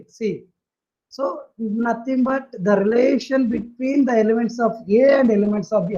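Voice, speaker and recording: A woman's voice: mid-range voice, darkish tone. A woman with an Indian accent teaching a maths lesson, dictating notation piece by piece and repeating her phrases. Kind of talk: maths lesson explained aloud to students. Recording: dull lo-fi audio.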